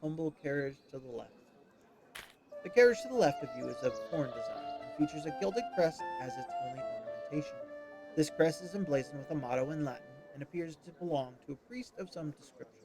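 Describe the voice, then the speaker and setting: A man streaming himself as he reads a story game aloud, expressive but with small slips. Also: a little high, brisk. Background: game music.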